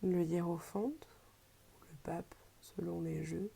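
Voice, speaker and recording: Soft, mellow French woman, hesitant unboxing chat. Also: lowish voice, steady tone, slow, gravelly, husky. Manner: hesitant, searching for words. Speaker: tarot deck reviewer. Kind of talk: casual unboxing presentation.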